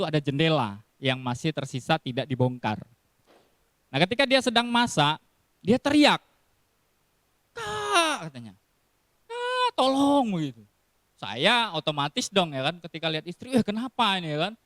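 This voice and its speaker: Lively, animated male preacher. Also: a little high, clean tone, no echo, clean studio sound. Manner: animated storytelling with laughs and acted quotes. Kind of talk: casual sermon with stories.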